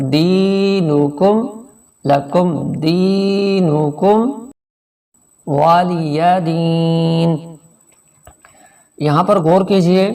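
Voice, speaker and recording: A man's voice: on the high side, darkish tone, distant mic. Urdu-accented man teaching Quran recitation. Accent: Pakistani Urdu. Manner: explains rules plainly, then recites verses slowly in a drawn-out chant. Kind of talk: tajweed lesson with chanted recitation.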